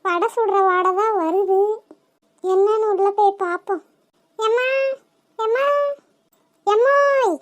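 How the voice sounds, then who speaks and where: Tiny cartoon village girl, very high squeaky voice, shrill, greedy, shouting. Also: fairly even intonation, moderate pace, no echo. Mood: curious. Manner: shrill, shouts for her mother. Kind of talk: cartoon voice acting.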